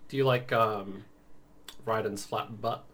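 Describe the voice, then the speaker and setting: A man's voice: lowish voice, steady tone, slow, a bit bright. A man co-hosting a podcast in casual chat, sarcastic and opinionated, swearing offhandedly. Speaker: podcast co-host.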